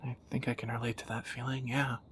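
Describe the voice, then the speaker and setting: Lightly acting, a man plays a young thief in a romantic roleplay, heard from one side of the dialogue, wry, musing, tender and teasing, often dropping near a whisper. His medium-pitched, somewhat bright voice is fast and flat in delivery, with a little hiss or hum in the audio.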